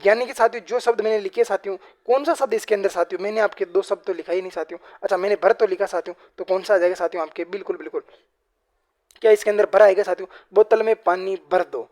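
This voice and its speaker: A man with a high voice teaches grammar for an exam class. He keeps asking a question and answering it himself, and drops the same address to his viewers into almost every phrase. He speaks slowly when he reads out example sentences. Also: a little mellow. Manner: repeats "साथियों" and "बिल्कुल" constantly; slows down to read example sentences aloud. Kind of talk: exam-prep grammar lesson.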